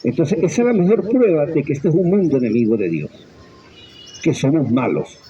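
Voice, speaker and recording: A man's voice: fairly high pitch, sing-song, moderate pace, mellow, lo-fi sound. A middle-aged man preaching a sermon with fervent, swooping delivery that rises and drops sharply. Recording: faint background noise.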